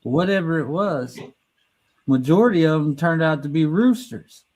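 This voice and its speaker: A man's voice: fairly high pitch, lively intonation, normal speed, a little mellow, low-quality recording. Laughing middle-aged man spinning a yarn. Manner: rambling, laughs through his own story; restarts and stumbles mid-sentence. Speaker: storyteller. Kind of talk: casual profane storytelling.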